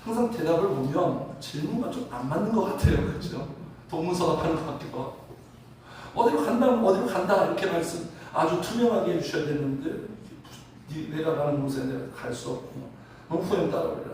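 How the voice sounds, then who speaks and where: A male pastor preaching a sermon in a church, animated and asking the congregation rhetorical questions. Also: fairly high pitch, brisk, a little hiss or hum. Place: church sanctuary. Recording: very echoey hall from a distance.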